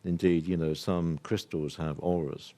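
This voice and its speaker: An older man from the UK speaks to a live workshop audience in a somewhat low voice. He is earnest and emphatic, and he rambles, restarts and laughs along the way. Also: flat delivery, measured pace, warm tone. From United Kingdom.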